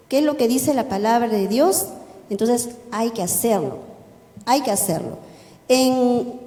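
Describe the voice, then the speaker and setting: A woman's voice: fairly high pitch, dark tone. A woman, the pastor's wife, earnestly teaching a congregation and quoting scripture. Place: church hall. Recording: echoey church hall with long reverb.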